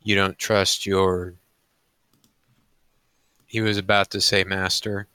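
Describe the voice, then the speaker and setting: Guy roleplaying his character, flat low voice, dry close sound. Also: takes it slowly, smooth, no room sound. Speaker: player.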